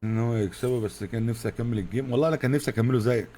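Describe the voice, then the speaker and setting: A man with an Egyptian Arabic accent giving live gameplay commentary, trading fast joking banter with his teammates. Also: mid-range voice, warm tone, a little hiss or hum. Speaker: gaming streamer.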